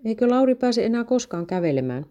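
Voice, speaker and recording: Woman doing a little worried boy, pitched up, soft mellow tone. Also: big pitch swings, lo-fi sound. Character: small worried boy, earnest and curious.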